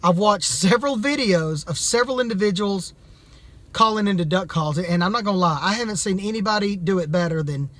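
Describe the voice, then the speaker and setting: A man's voice: sits high, fairly quick, a bit bright, no echo. A man speaking in a plain, folksy way as he gives a casual, slightly hesitant product demonstration. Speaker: amateur duck hunter reviewing calls.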